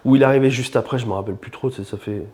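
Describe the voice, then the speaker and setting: A man, a shop founder and podcast guest, telling his own story in a lively, informal, first-person way. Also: mid-range voice, racing, husky. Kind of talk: casual storytelling interview.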